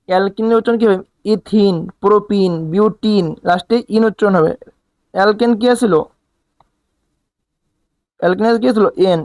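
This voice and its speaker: A man's voice: high voice, darkish tone, no echo. A male chemistry teacher giving a recorded lecture, asking questions and answering them himself and counting aloud, in a casual colloquial way. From Bangladesh. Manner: colloquial, dialect forms.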